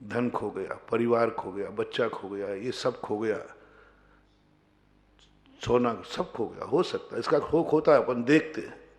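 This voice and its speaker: A man, a Jain monk, giving a sermon full of questions to his listeners, swinging from emphatic loud peaks to quiet low passages. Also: unhurried. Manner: rhetorical questions to the audience, rising to emphatic outbursts then dropping low. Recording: long hall reverb.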